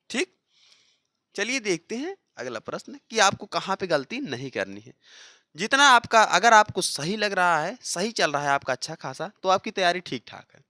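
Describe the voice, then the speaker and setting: An animated teacher whose pitch rises and falls a great deal while walking students through practice questions. They read each option aloud as a question and keep checking in with a quick "okay." The sound is close and dry, with no room around it. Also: no echo. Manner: repeats key answers slowly for drilling. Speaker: Hindi teacher for exam preparation. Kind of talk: exam-prep lesson solving practice questions.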